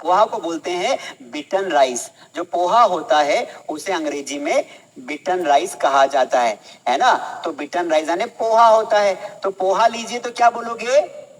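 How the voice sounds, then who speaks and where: A man with an Indian accent teaches a live spoken English class in a chatty style, repeatedly posing questions to the class and answering them himself. His voice sits high and unhurried, with a big-room sound on a rough recording.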